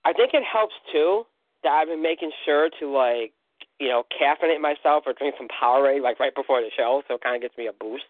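A man's voice: medium pitch, brisk, no echo. A man hosting a radio show in casual sports talk, often repeating and restarting his words. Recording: narrow phone-like radio sound.

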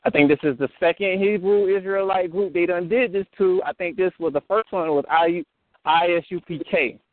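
Male call-in host, slightly high voice, hesitant delivery, heard over a phone line. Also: no echo. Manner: halting, many fillers and restarts. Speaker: host of a call-in fellowship discussion. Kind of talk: casual phone discussion.

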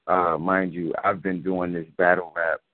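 A guest poet, a man, phones in from a bus with a fairly low voice. He talks in a loose, hesitant, casual way. The sound is narrow and tinny, like a dry phone call. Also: flat delivery, measured pace, dry recording. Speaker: guest poet calling in to a show. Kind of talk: spoken word poetry recital in later lines. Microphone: phone line.

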